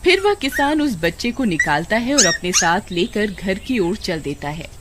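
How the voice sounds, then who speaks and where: Lady narrator reading a kids story, lively high voice, really noisy behind her. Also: normal speed. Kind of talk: scripted children's story narration. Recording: very noisy background.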